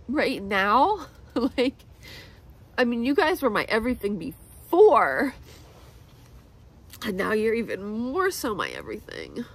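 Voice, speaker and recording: A woman's voice: on the high side, huge pitch swings, slow pace, creaky, long pauses, low-quality recording. A woman in her thirties talking through an emotional personal vlog, rambling and self-deprecating, close to tears. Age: 30s. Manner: rambling, tearful, self-deprecating, with nervous laughs. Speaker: vlogger.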